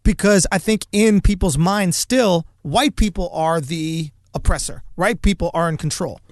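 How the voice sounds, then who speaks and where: A man co-hosting a podcast, trading animated, profane, jokey banter. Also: high voice, moderate pace, no room sound, clean studio sound. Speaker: podcast co-host.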